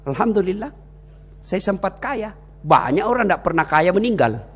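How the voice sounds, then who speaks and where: A man voicing a patient, grateful male prophet who answers hardship softly and quietly, with long hall reverb. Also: high voice, very animated, normal speed, breathy edge, full character voice. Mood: serene.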